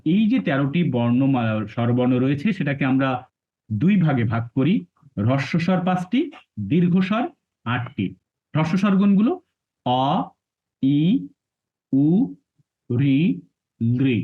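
A man's voice: mid-range voice, animated, normal speed, long pauses. A man giving a spoken lesson on how to pronounce letters, patiently reciting them one by one and explaining step by step. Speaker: teacher. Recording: phone-like narrow sound.

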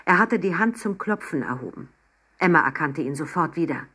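A woman reading a children's bedtime story aloud in a calm, even storytelling manner. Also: low-pitched, a little fast, slightly rough.

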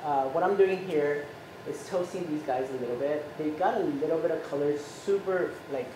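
A man in his thirties, born in Ecuador, explaining a recipe as a chef in a relaxed, explanatory way with many fillers, recorded by a far camera in a home kitchen. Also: on the high side, normal speed. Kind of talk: cooking demonstration chat. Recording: echoey kitchen with background noise.

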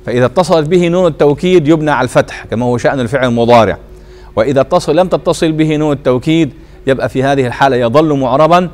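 A man from Tunisia teaching a grammar lesson. He keeps asking the class short questions and answers them himself, and he drags the example words out slowly and says them twice. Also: mid-range voice, a little mellow. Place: teaching circle in a mosque hall.

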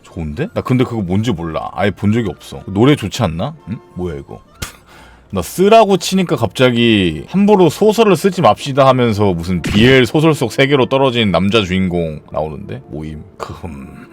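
Deep-voiced man rambling playfully on stream. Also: sing-song, normal speed, faint music behind. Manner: playful, absurd rambling jokes. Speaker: live streamer. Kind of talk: casual live-stream chat.

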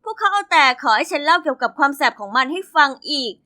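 A woman narrating a scripted animated life story in a chatty, sassy and dramatic way. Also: high voice, quick pace.

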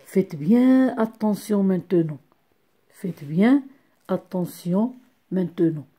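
Slow, mellow-voiced woman teacher. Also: medium pitch, breathy edge. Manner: slow and deliberate, repeats each sound and syllable; encouraging, addresses pupils as "my dear ones". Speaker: primary school teacher. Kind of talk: slow classroom phonics lesson.

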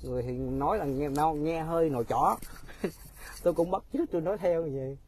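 A man's voice: a little high, lively intonation, quick pace, mellow, a little hiss or hum. A man giving casual, mocking political commentary straight to his viewers, often laughing.

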